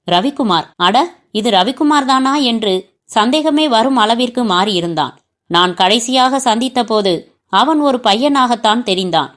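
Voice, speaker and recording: A woman reads a novel aloud in the first person. Her storytelling is steady and measured, and her voice sits fairly high. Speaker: story narrator.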